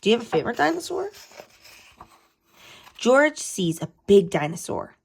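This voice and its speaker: A woman host reading a storybook aloud for children, animated and asking her listeners questions. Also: on the high side, moderate pace, vocal fry, slightly rough.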